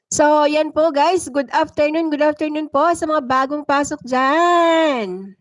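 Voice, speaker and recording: A woman with a Filipino accent, a storyteller and livestream channel host, speaks slowly in a high-sitting voice. She does dramatic first-person story narration as well as casual chat with viewers. The recording has no room sound.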